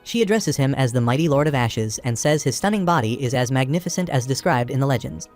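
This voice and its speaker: A man narrating a comic recap in a steady, even storytelling voice. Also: mid-range voice, fast talker. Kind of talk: scripted narration. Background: background music.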